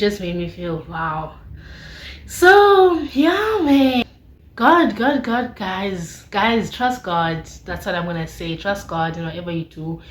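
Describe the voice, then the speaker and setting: A young woman with a South African accent, chatting casually and expressively to viewers in an informal, slangy confessional vlog. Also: fairly low pitch. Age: late teens, young adult. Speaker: vlogger. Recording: echoey, roomy sound.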